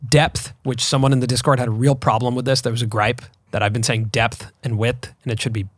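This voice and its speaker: A man's voice: mid-range voice, a little fast, dry recording, studio quality. A man in his thirties co-hosting a podcast, chatting casually with lots of fillers and likes. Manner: relaxed, conversational, frequent fillers. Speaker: podcast co-host. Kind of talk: casual chat.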